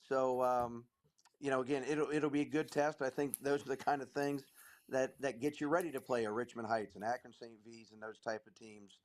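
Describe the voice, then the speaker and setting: Male coach, mid-pitched, steady and measured, restarts phrases. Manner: measured, repeats phrases while thinking. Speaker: high school basketball coach. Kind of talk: interview guest.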